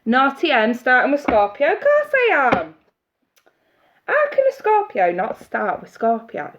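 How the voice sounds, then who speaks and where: A tarot reader on a live stream speaks at a measured pace in a high-sitting voice. Chatty and congested from hay fever, she greets viewers by name; the audio is muffled with a steady hiss.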